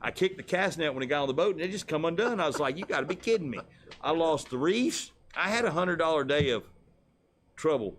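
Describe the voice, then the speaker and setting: A man's voice: on the high side, expressive, fairly quick, fairly bright tone. A man, co-hosting a casual fishing show and telling a long, laughing story full of restarts. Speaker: co-host.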